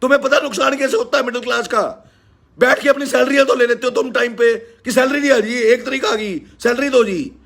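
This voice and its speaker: A man with a Haryanvi accent delivers a heated live-stream rant. His voice sits very high and has a gravelly, creaky edge. He talks loud and scolding throughout. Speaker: live-stream host and teacher.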